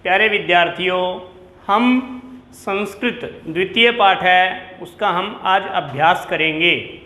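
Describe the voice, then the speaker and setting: A man teaching a Sanskrit lesson to children, slowly saying each word and repeating it for the pupils. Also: sits high, pushed and bright. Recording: echoey room with long reverb.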